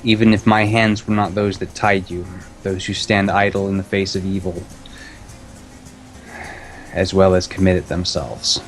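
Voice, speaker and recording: A man's voice: low-pitched, level tone, moderate pace, pauses often, soft background music, natural voice, low-quality recording. A man doing a grave, formal rescued man.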